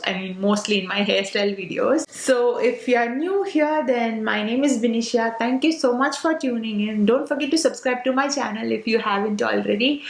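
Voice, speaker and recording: A South Indian woman in her late twenties, a Tamil speaker with an Indian English accent, answers viewer questions to camera in a casual beauty vlog Q&A. She talks loosely and chattily, filling her speech with "uh" and "like." Her voice is fairly high with vocal fry, and the recording has a roomy echo.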